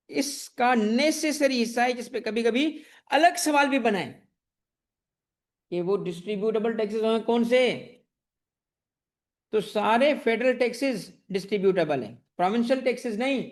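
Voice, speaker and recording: A man's voice: extremely high pitch, unhurried, pauses often. A man teaching an exam-prep tax class that is also streamed online. He fires questions at his students, answers them himself, calls them fondly, and repeats the key points.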